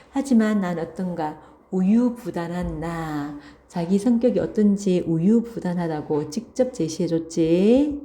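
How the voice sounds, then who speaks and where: A Korean language teacher with a mellow, mid-range voice is giving an online literature lesson, reading a story aloud and explaining it line by line. After each passage she slowly restates the key words, repeating them and checking in with students by asking "그치?".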